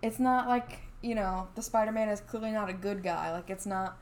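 A woman's voice: medium pitch, normal speed, a little hiss or hum. A woman co-hosting a podcast, telling a true story in casual chat with many fillers and restarts. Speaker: podcast co-host.

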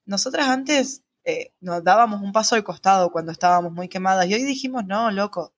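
A young woman with an Argentine accent co-hosting a podcast, talking fast and slangy in casual chat. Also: mid-range voice. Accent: Argentine Spanish. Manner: rapid, slangy, expressive. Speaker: podcast co-host.

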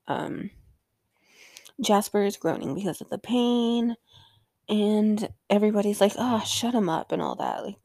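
A young woman recaps a TV episode in a loose, chatty way, often swearing and trailing off. Her voice has a gravelly fry to it. The recording is dry and close. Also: mid-range voice, a little mellow, dry recording. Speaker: recap show host.

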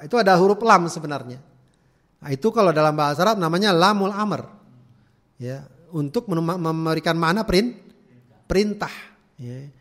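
A man's voice: high-pitched, fairly bright tone. A man teaching a religious study class, explaining at length, repeating key words and adding frequent "ya" tags, often restarting clipped words. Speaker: Islamic teacher.

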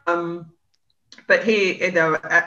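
British-accented woman guest, bright and lively, on muffled video call audio. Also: lowish voice, slow pace. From Britain. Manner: chatty, laughs between remarks. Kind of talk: casual chat.

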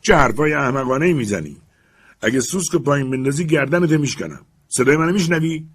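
A male audiobook narrator plays an excitable, obsessed master barking orders with loud urgency. His voice sits above the narrator's own. It keeps a husky, gravelly texture throughout. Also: mid-range voice, pitched above the performer's own voice. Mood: urgent, commanding. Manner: loud urgent shouted commands.

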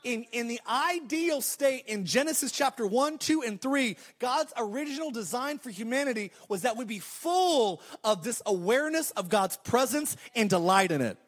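This pastor, a man in his thirties, preaches energetically in a high, bright-edged voice with lively intonation. Repeated declarations build up, broken by quick joking asides, before he drives the point home.

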